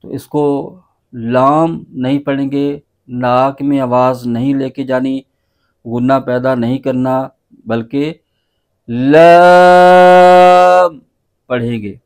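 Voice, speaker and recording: A Quran teacher, reciting letter names in long drawn-out syllables, then explaining in quick low asides. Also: male voice, little pitch movement, darkish tone. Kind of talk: slow recitation lesson.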